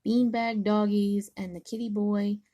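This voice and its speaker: An older woman, a grandmother, reading a picture book aloud slowly and gently, sometimes stumbling over words. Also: mid-range voice, flat delivery. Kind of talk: storybook read-aloud.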